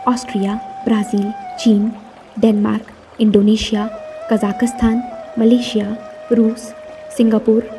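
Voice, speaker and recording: A woman giving formal, measured scripted narration for a government podcast. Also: fairly high pitch, warm tone.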